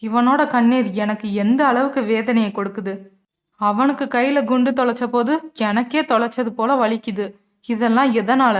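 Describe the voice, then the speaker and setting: A woman voicing a brave young wife, soft and introspective as she reflects on her love. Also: fairly high pitch, normal speed, lightly acted. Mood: reflective.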